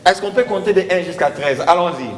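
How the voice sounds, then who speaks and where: A man from Congo leading a lesson with children, coaxing them and repeating prompts loudly. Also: sits high, brisk. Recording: echoey hall from far off.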